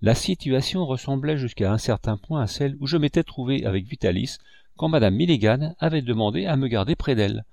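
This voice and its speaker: A man narrating an audiobook with a mid-pitched voice and animated, rising and falling intonation. His storytelling is expressive and measured. The recording is close and dry, with no room sound. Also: gravelly, no echo. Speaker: audiobook reader.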